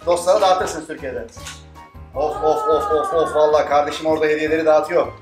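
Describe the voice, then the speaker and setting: Excited fast-talking Thracian Turkish man. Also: on the high side, reverberant, over loud music. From Turkey. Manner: excited, chatty, laughing often. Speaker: vlog host. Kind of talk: casual vlog chat.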